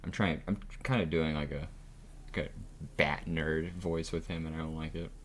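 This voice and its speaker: A man's voice: extremely low pitch, steady tone, moderate pace, slight background noise. A male streamer making wry, crude, joking asides while playing a dating game. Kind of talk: casual game commentary.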